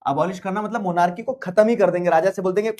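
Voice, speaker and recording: A man teaches an online history class playfully, blending Hindi with English terms and slowly repeating key phrases. His voice is high-pitched and a little mellow.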